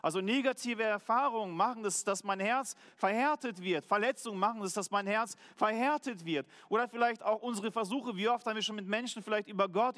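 A German man preaching a sermon as pastor, earnest, slowing down to stress key words. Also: sits high, fairly bright tone, big-room sound.

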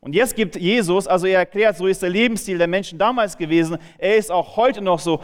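Brief: male preacher, high voice, plain chatty sermon full of questions, long hall reverb. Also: fairly quick, smooth. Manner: rhetorical questions, conversational asides.

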